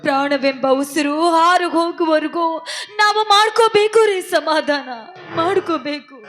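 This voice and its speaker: A woman's voice: very high-pitched, moderate pace. A woman playing a pleading, devoted wife. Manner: pleading, consoling. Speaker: stage actor. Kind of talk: folk stage drama acting. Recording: live stage with loud music.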